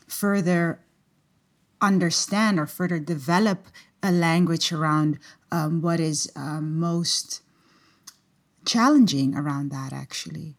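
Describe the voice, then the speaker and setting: Soft-spoken woman moderating a panel. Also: low voice, takes it slowly, long pauses. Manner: hesitant, many fillers while framing questions. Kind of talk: panel discussion.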